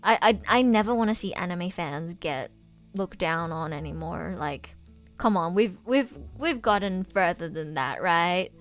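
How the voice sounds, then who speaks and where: A woman's voice: fairly low pitch, lively intonation, a little slow. Chatty young woman streamer, music behind. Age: young adult. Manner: chatty, bubbly anime-fan slang. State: recovering from oral surgery, stitches in mouth. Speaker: livestreamer and voice actor. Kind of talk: casual livestream chat with viewers.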